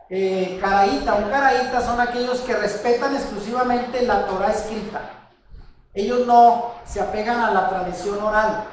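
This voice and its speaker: Male religious teacher, conversational sermon delivery full of rhetorical questions, recorded off-mic in a very echoey room. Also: sits high. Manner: asks rhetorical questions, addresses listeners as brother. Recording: very echoey room, distant mic, faint noise.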